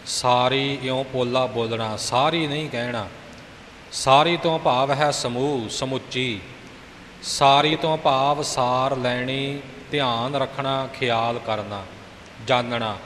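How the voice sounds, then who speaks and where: A man's voice: mid-range voice, fairly even intonation, slow, fairly bright tone, long reverb tail, slight background noise. A man teaching correct recitation, patiently explaining meanings.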